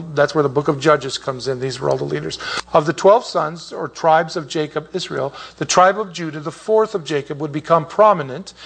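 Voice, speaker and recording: A man with a fairly high, gravelly voice leads an informal Bible class. He rambles and digresses onto side points, frequently restarting his sentences.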